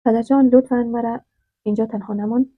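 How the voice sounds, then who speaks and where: A woman's voice: on the high side, fairly even intonation, no room sound, close to an everyday voice. A woman voicing a distressed young woman who pleads with her father and defies a forced marriage in a storybook tale. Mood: tearful. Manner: pleading and defiant. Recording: dry, tinny phone-like sound.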